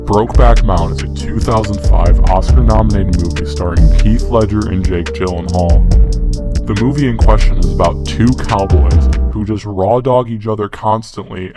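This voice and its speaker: A man's voice: fairly low pitch, dark tone. A man narrating a scripted top ten countdown, mock-serious with crude humor. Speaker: video narrator. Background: background music.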